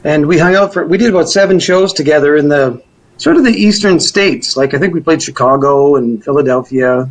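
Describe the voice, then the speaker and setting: A man's voice: fairly high pitch, lively intonation, brisk, low-quality recording. A middle-aged or older man, reminiscing casually as an interviewee in a rambling, informal way. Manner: rambling, informal, hedging with "kind of" and "you know". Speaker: musician interviewee.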